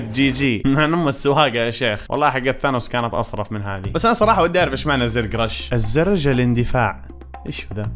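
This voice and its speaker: Casting: male, 20s, Gulf Arabic accent, quick casual video host, playful, close mic, faint music behind. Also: mid-range voice, a bit bright. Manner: playful, mixes in English exclamations. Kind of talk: casual chat, reacting to web searches. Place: small indoor home studio room. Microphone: close studio microphone on boom arm. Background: faint background music.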